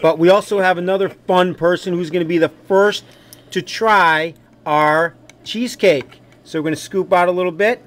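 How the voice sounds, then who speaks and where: Guy showing off a cafe menu, bit high voice, friendly and salesy, camera mic. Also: fairly even intonation, normal speed. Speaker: cafe host filming a menu tour. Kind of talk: casual promotional walkthrough. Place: small cafe indoors.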